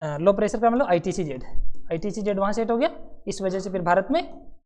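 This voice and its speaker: A man teaching a lively classroom lesson for competitive exam students. He slips into storytelling mid-lecture and acts out the scenes, then turns back to the class with quick asides. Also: high voice, a little hiss or hum.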